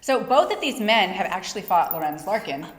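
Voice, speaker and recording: A young woman co-hosting a casual talk with dry, teasing banter, her voice in a middle pitch. She is recorded in an echoey space where the reverb hangs on. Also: big pitch swings, brisk. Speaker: podcast co-host. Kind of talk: casual chat. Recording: echoey room with long reverb.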